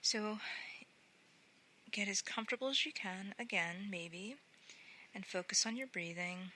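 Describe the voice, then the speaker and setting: A woman meditation guide leads a sleep meditation in a gentle, soothing, unhurried manner, frequently softening into breathy near-whispers. Her voice is mid-range.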